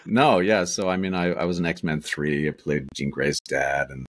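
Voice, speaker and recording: An extremely low-pitched male voice at normal speed belongs to a middle-aged actor being interviewed casually as a guest. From a small room at home, he spins rambling stories with frequent restarts and asides, recorded by a webcam on a video call.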